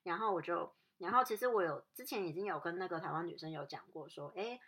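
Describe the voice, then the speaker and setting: A young woman recounts a personal story in a relaxed, rambling way. Her voice sits somewhat low for a woman. She often stops, restarts and fills pauses as she talks. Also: husky. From Hong Kong. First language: Cantonese. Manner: hesitant, many restarts and fillers, chatty.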